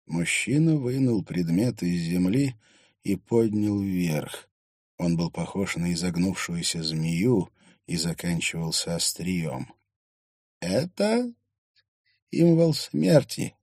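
A man narrating an audiobook in a measured, scripted reading. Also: low-pitched, darkish tone, no echo, clean studio sound.

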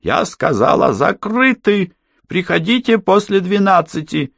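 A man voicing a short, stocky woman bartender with a hoarse, gruff voice who barks orders, in an audiobook. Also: on the high side, sing-song, unhurried, no room sound, studio quality, pitched above the performer's own voice, heavily acted. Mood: shouting. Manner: barking, shouting orders.

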